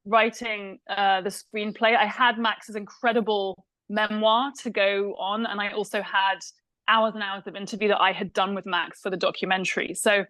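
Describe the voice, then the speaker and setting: English woman director, talks it through with lots of ums and restarts, mid pitch, dead dry sound. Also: little pitch movement, moderate pace, fairly bright tone, no room sound, low-quality recording. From England. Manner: thoughtful, many fillers and restarts. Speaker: film director. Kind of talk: interview answers.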